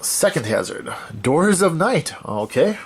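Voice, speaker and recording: A man's voice: a little high, sing-song, measured pace, breathy edge. A man hosting a let's-play of a solo card game, thinking aloud as he reads out card text and corrects himself as he goes.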